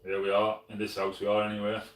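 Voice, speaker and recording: A middle-aged man with a Sheffield Yorkshire accent, casually answering live chat as host, relaxed and full of fillers and restarts. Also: lowish voice, quick pace, far from the mic. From Sheffield, England. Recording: roomy, from off the mic.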